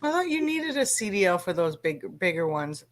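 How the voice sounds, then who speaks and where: Middle-aged female co-host, slightly low voice, wry and teasing in loose conversation. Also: sing-song, normal speed, slight background noise. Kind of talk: casual chat.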